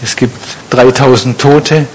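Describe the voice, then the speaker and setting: A man's voice: mid-range voice, steady tone, takes it slowly, a little mellow, a little hiss or hum, rough recording. A man preaching a sermon in a conversational way, putting questions to his congregation.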